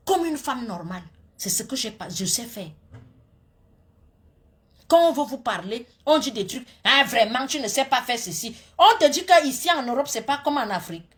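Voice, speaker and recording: A woman, a social media comedian scolding her critics in a heated rant to viewers. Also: a little high. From Cameroon.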